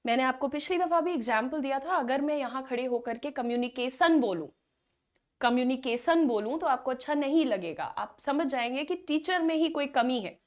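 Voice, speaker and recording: A young woman with an Indian accent teaches a class, talking in a high, bright voice. She chats and teases her students, then stretches each new word out slowly and carefully so they can copy its pronunciation. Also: expressive. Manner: chatty, teasing, drills pronunciation slowly. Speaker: spoken English teacher. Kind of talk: live online class, Hindi mixed with English.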